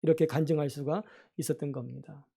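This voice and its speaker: A man's voice: on the high side, fairly even intonation, fast talker, creaky, mellow, slightly rough. A man preaching a sermon as pastor in a church, earnestly asking the congregation questions. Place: church sanctuary.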